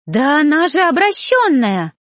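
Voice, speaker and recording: A hysterical young noblewoman, put on by a woman reader, shrieking her jealousy in a high, piercing voice. Her lines climb into squeals. The recording is close and dry. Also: expressive, a little slow, no room sound.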